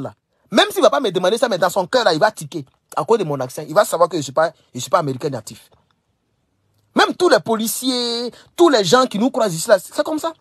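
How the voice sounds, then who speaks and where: A young political commentator from Burkina Faso delivers a casual monologue straight to camera, emphatic and repetitive as he scolds his listeners. His very high voice is husky, captured in a dry, clean studio recording.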